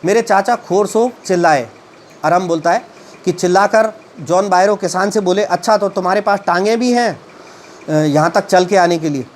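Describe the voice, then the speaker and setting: A man teaching a story: he reads English lines slowly, then retells and explains them at a halting pace with many fillers. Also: high voice, slight background noise.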